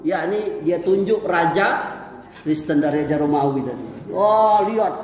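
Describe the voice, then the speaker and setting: A man preaching a dramatic storytelling sermon, animated, with sound effects and asides to the congregation. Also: fairly high pitch, measured pace, a little hiss or hum. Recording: echoey hall with long reverb.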